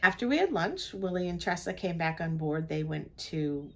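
Older woman with a low voice, chatting. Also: big pitch swings, moderate pace, slight background noise. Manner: chatty, recounts the day step by step. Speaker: travel vlogger. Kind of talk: casual chat. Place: cruise ship cabin, seated on a sofa.

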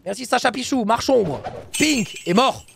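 An excitable man calls his team's match live, his voice pitched very high with a gravelly edge. His intonation leaps all over as he repeats phrases and erupts into shouts. Soft music plays behind him. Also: measured pace, noisy background. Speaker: esports team streamer commenting a match.

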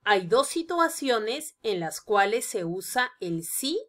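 Slow, lively-pitched woman teaching grammar. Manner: slow, deliberate explanation of examples. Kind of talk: scripted grammar lesson narration.

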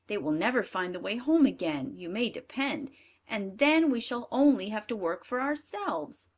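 A woman voicing a harsh, scornful stepmother in a storybook reading, sharp and commanding. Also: mid-range voice, lively intonation, moderate pace, husky. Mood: scheming. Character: harsh scolding stepmother, middle-aged woman.

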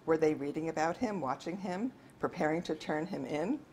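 A woman author reads her novel aloud in a steady, measured way. Her voice sits on the lower side, with a faint hum of the room around her. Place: bookstore event.

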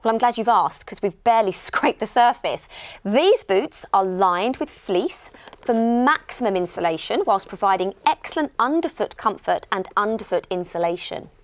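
A woman's voice: medium pitch, lively intonation, normal speed, no echo. A middle-aged British woman presenting on a shopping channel, giving an enthusiastic, explanatory scripted product demonstration in a studio. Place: TV studio lounge set.

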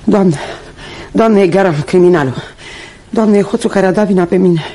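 A woman's voice: medium pitch, warm tone, close to an everyday voice. An actress playing a simple, timid woman servant in a studio radio play, meek and plaintive. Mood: meek, anxious. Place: recording studio.

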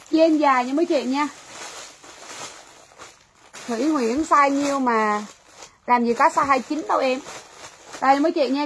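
A woman's voice: high-pitched, a bit bright, poor audio. A woman running a livestream sale, talking chattily to viewers and repeating phrases, with faint noise behind her. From Vietnam. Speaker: livestream seller. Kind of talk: livestream sales pitch.

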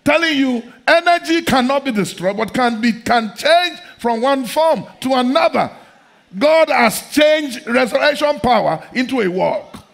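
A middle-aged man preaching a sermon in a large church hall, fervent and repetitive, often breaking into shouts. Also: very high-pitched, expressive, measured pace, vocal fry.

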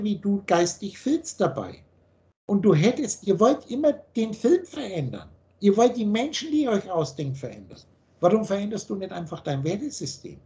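A man's voice: high voice, a little mellow. A man teaching in a video call, blunt and preachy, firing off rhetorical questions. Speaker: spiritual teacher.

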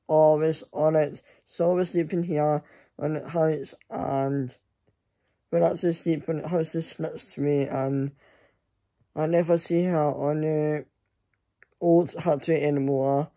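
A young man chatting casually to camera in a halting, rambling way that often trails off. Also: a little high, level tone, warm tone. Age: young adult. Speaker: vlogger. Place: small furnished room indoors. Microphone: phone at arm's length.

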